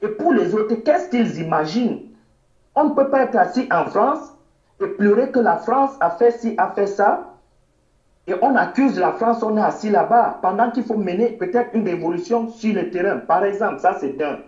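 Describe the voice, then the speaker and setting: A man arguing his opinion in a played clip, in a deliberate, insistent way. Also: sits high, lively intonation, a little mellow. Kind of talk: argued opinion. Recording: dull, echoey replayed clip.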